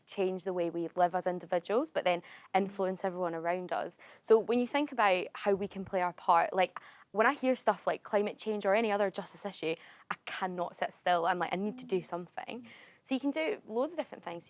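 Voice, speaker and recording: A woman from Scotland with a Scottish accent, a guest explaining things clearly and with energy. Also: mid-range voice, a little fast, no echo.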